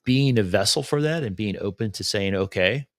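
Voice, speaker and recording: A man's voice: on the low side, animated, normal speed. A man co-hosting a podcast in casual chat, reflective and affirming, often adding "right?". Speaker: podcast co-host.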